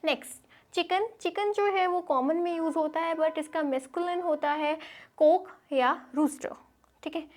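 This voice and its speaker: A woman's voice: extremely high pitch, a little slow. A woman with an Indian accent teaching English grammar in Hindi, checking in with listeners as she goes. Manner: explains in Hindi, checks in with frequent "theek hai". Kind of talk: classroom lecture over slides.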